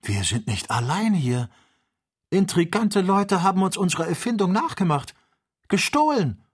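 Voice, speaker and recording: Man reading as a young manservant, excitable, exclaiming, husky low voice, audiobook. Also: normal speed, far from the mic, heavily acted. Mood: astonished. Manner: astonished, exclaiming. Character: excitable young male servant.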